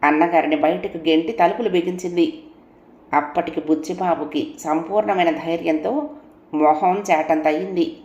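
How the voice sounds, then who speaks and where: A woman storyteller reading a story aloud in a calm, measured way. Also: on the low side, roomy sound, dull audio. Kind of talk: audiobook story narration.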